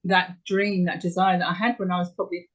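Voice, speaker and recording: A woman's voice: fairly low pitch, little pitch movement, fast talker, poor audio. A woman interviewer who asks searching questions hesitantly, often repeating words as she finds them. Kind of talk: conversational interview.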